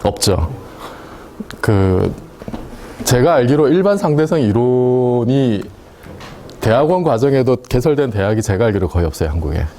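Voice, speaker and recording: A man's voice: medium pitch, very animated, moderate pace, pauses often, warm tone, a little hiss or hum. A man giving a university lecture in a casual, chatty way, often asking the class questions and laughing at his own points. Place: lecture room.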